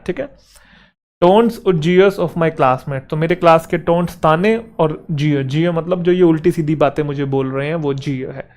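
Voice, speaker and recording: A man teaching English vocabulary in Hindi for exam preparation, chatty and joking, reading English example sentences slowly and checking in with students. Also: on the high side. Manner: chatty, jokes with students, keeps asking "theek hai?". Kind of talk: exam-prep vocabulary lesson.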